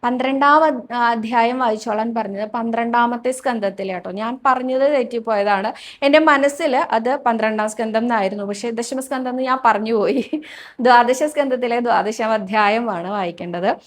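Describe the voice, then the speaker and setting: Woman host, devotional Q&A, slightly high voice, soft and reassuring, personal storytelling. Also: moderate pace. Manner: soft, reassuring, often ends sentences with a friendly tag; tells personal stories. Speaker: devotional host answering viewers' questions. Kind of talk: gentle devotional talk.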